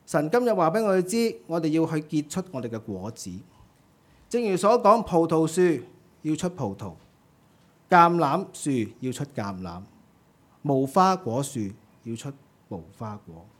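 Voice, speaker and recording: A man's voice: on the high side, big pitch swings, unhurried. Earnest preacher man. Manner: earnest, exhorting, swings between emphatic and quiet. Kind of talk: sermon.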